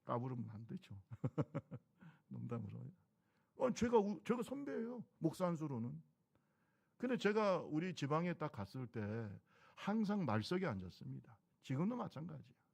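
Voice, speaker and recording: A middle-aged pastor delivers a Sunday sermon in a church sanctuary, with a gravelly edge to his fairly high voice. He preaches conversationally and keeps asking the congregation questions. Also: sing-song, moderate pace, a little mellow.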